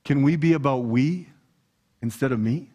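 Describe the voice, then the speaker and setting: A man with a Canadian accent preaching a lively sermon in a church hall, playful and energetic as he talks straight to the congregation. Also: medium pitch, normal speed. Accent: Canadian English. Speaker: pastor.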